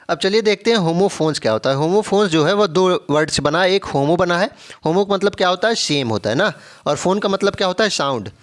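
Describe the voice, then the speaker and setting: A man's voice: high-pitched, a bit bright. A young adult man with an Indian English accent teaching an exam-prep lesson, asking and answering his own questions and repeating key points. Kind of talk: explanatory lesson, mixing Hindi and English.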